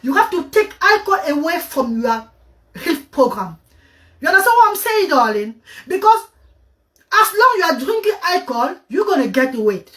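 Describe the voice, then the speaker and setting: A woman's voice: high voice, very animated, a little slow, fairly bright tone. A woman hosting a casual live stream with diet advice, coaxing her viewers with endearments and slipping into English. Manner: switches between French and English. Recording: voice a bit far from the mic.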